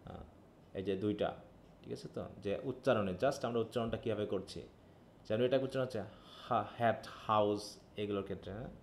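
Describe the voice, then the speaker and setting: With a slight hiss or hum on the recording, a man's low, somewhat mellow voice carries a live online English class on phonetics. He's a native Bengali speaker who reads text slowly, explains gradually, and checks that his students are following.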